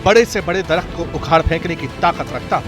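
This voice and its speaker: Dramatic male news narrator over loud music. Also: on the high side, quick pace. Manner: emphatic, theatrical.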